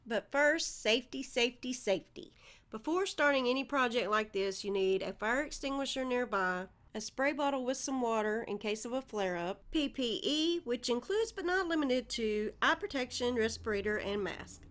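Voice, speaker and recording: The DIY channel host, a woman with a Southern American accent, gives friendly step-by-step voice-over narration of a home project. She speaks at a normal speed in a fairly high, expressive voice with a fairly bright tone.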